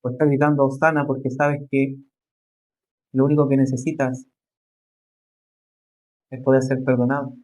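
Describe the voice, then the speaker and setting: A male pastor preaching a sermon, rising into emphatic questions and slowing to stress key phrases. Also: medium pitch, level tone, a little mellow, muffled recording.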